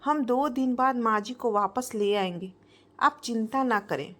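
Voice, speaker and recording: Storybook role: a patient young daughter-in-law, soft and pleading, read by a woman narrator. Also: a little high, measured pace.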